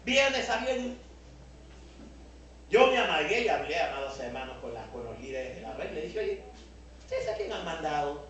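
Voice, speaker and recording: A man with a Peruvian Spanish accent preaching a lively sermon as pastor, acting out the voices he quotes. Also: on the high side, moderate pace, long pauses, a little hiss or hum. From Peru. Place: large church hall. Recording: echoey hall, mic at a distance.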